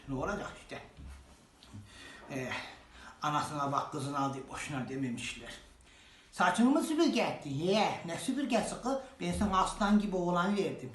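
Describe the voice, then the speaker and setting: A performer playing a grumbling old village mother-in-law in a comic sketch, low and drawling. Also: a bit bright, far from the mic, slight background noise, natural voice. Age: older. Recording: roomy echo.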